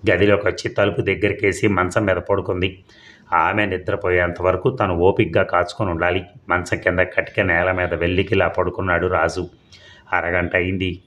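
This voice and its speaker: A man's voice: low-pitched, a bit bright. A man narrating a suspense serial as an audiobook, reading steadily and briefly voicing the characters' lines.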